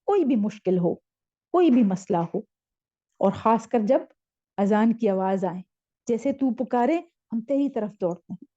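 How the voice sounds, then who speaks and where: A woman gives a religious lesson in a fairly high, mellow voice. She recites each line slowly, then explains it patiently, like a teacher with her class. The sound is dry and a little dull, as if from an online class. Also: no echo. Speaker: Quran teacher. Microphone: screen-shared online class.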